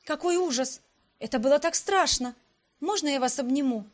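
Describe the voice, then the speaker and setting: A woman's voice: high voice, moderate pace, voice pushed up, close to an everyday voice. A woman voicing an emotional, tearful young noble lady, the heroine's best friend, in an audiobook. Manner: exclaiming, tearful.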